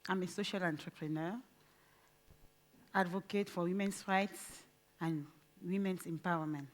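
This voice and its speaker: A woman in her forties from Cameroon, with a Cameroonian accent, giving an earnest, deliberate conference speech and pausing mid-phrase. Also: lowish voice, fairly even intonation. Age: 40s. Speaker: conference speaker. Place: conference stage.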